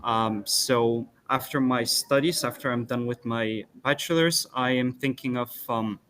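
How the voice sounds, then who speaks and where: A man's voice: medium pitch, a bit bright. Young man introducing himself. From Bulgaria. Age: young adult. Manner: earnest, brisk, a few restarts. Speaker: student guest. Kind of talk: self-introduction in a webinar.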